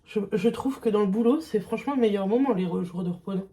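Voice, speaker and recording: A young female beauty vlogger talks her way through a makeup test in a loose, casual vlog style. She speaks fast in a mellow, mid-range voice, with plenty of hesitations and filler words.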